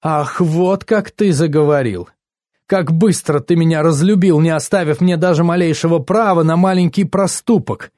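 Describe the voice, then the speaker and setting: A manipulative young woman pleads and snaps by turns, as a male audiobook narrator raises his voice to play her. Her tone stays dark and mellow. The sound is close and dry. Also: on the high side, moderate pace, no echo, pitched above the performer's own voice, close to an everyday voice. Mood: indignant. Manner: emotional, pleading then indignant. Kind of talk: audiobook character voice.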